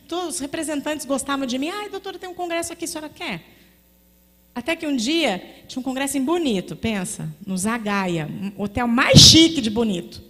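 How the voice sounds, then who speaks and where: A woman with a Brazilian accent giving an emphatic testimony sermon at a women's conference, telling stories and repeating her points. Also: high voice. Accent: Brazilian Portuguese. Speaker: guest preacher at a women's conference. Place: church sanctuary. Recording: long echo of a church hall.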